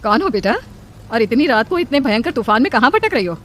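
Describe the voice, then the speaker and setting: A woman voicing a worried, motherly middle-aged village aunt in a horror cartoon, speaking in an expressive, questioning way. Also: a little high, brisk, a little hiss or hum. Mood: concerned, curious. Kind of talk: dramatic Hindi cartoon story dialogue.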